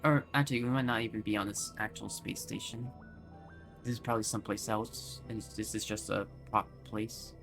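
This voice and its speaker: A man's voice: lowish voice, fairly even intonation, a little fast, vocal fry, over music. Musing male game streamer. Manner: musing, rambling with fillers. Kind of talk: casual game commentary.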